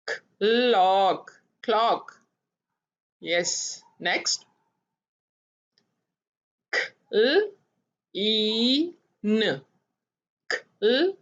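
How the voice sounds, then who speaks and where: A woman's voice: a little high, dull audio. A woman teaching phonics, sounding out letters and stretching each word as she repeats it. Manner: drawn-out, repeated word pronunciations.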